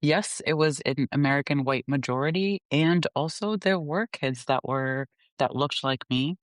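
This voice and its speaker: Smooth-voiced reflective woman, dry close mic. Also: deep voice, dry recording. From grew up in the Gulf, Pakistan and the US. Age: adult. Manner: reflective, unhurried, laughs softly mid-sentence. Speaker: guest. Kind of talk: candid conversational interview.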